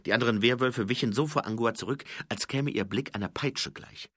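A man reading fantasy narration in an expressive, varied delivery. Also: medium pitch, a little fast, slightly rough, no echo, studio quality. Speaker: audiobook narrator.

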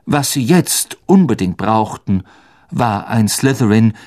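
A man reading a story aloud as narrator in an expressive storytelling manner. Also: on the low side, slow. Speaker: audiobook narrator. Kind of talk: scripted narration.

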